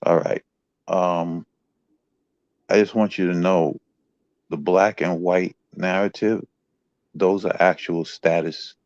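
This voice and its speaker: A man's voice: low-pitched, fairly even intonation, takes it slowly, pauses often, darkish tone, no echo, lo-fi sound. A man in an online group call, asking pointed questions and pressing for yes or no answers.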